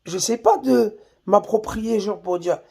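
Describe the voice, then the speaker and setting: A man with a high, gravelly voice tears into a rival in a slangy, mocking rant. He swears freely and talks straight to the camera in a casual vlog. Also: measured pace, warm tone. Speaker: YouTuber. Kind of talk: heated insulting rant to camera.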